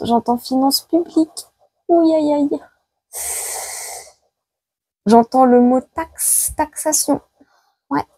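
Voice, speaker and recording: Femme voyante à la voix grave et éraillée. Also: female voice, mid-range voice, gravelly, dark tone, breathy edge, dry recording. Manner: dramatic, repeats phrases, frequent exclamations. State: worn out by the heat. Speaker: psychic card reader. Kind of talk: live tarot prediction video.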